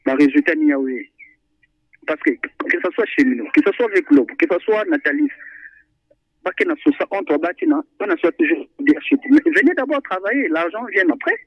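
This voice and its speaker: Calling in to a radio program, a man chats excitedly about football, stumbling with frequent pauses and repetitions. His high-pitched voice is gravelly and moves at normal speed, captured dry over a tinny phone line.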